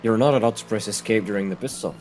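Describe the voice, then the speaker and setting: Chuckling sim racer on voice chat. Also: male voice, fairly low pitch, quick pace, loud music behind the voice. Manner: chuckling, reactive race chatter. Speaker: team driver. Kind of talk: casual team voice chat during a race.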